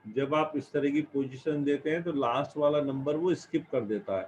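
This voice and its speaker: A man's mid-range, slightly mellow voice moves at a moderate pace as he teaches computer science to a classroom of students. He breaks the lesson into steps, questioning himself and supplying the answers. The audio is dull and lo-fi with faint background noise.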